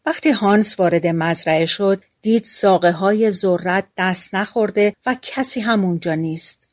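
A woman reads a fairy tale aloud at a calm, even pace, telling it in relaxed everyday speech. Her voice sits in a middle pitch. The recording is dry and close. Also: dry recording. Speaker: audiobook narrator. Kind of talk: storybook narration.

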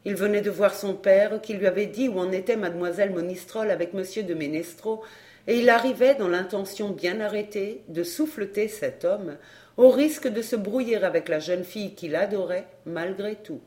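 A woman narrating a novel in a steady, measured way. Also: medium pitch. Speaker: audiobook narrator.

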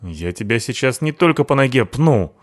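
A man's voice: mid-range voice, very animated, normal speed, pitched above the performer's own voice. A man doing a spiteful hissing young woman. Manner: hissing, menacing.

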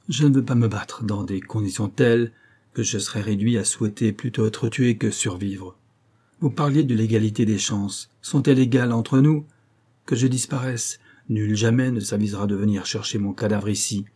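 A man's voice: medium pitch, dark tone, natural voice. A man voicing a proud, cornered young nobleman who argues insistently, in a storybook reading. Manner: heated, insistent pleading.

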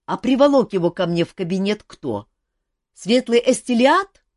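A woman's voice: medium pitch, lively intonation, normal speed, darkish tone, dry recording, voice pushed up, close to an everyday voice. A woman voicing a tired, joking male court jester who mocks himself and others in a dry room. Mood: wry, weary. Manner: wry, self-mocking banter.

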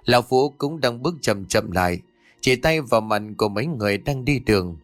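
A man telling a scripted ghost story as narrator, in a steady, dramatic way. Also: medium pitch, a little fast, dry recording, soft background music.

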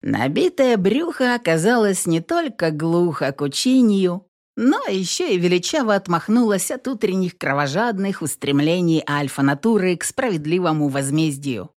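A woman narrating an audiobook chapter in an expressive, ironic storytelling manner. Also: fairly low pitch, moderate pace.

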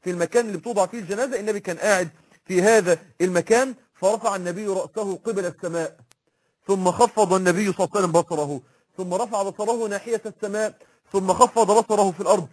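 Egyptian male preacher, very high husky voice, impassioned, repeats lines for emphasis. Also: racing. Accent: Egyptian Arabic. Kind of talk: religious lecture.

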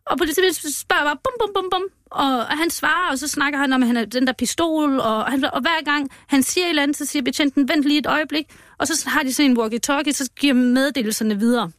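As a guest in a podcast interview, a woman with a high, fairly bright voice shares a personal account, visibly moved. She speaks haltingly and emotionally, often breaking off and restarting her sentences. The recording is close and dry, with no echo.

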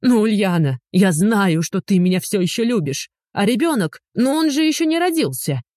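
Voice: medium pitch, big pitch swings, moderate pace, darkish tone, no room sound, studio quality, voice pushed up, close to an everyday voice. A reader voicing a grown man, a whining, demanding, pompous ex-husband, in an audiobook. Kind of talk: audiobook dialogue.

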